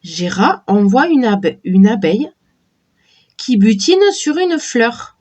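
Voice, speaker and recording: A woman with a cold and a sore throat, slowly and hesitantly chatting while showing a deck of oracle cards. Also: a little high, very animated, darkish tone, lo-fi sound. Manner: slow, hesitant, many fillers and restarts. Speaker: tarot and oracle card reviewer. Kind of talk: casual unboxing chat.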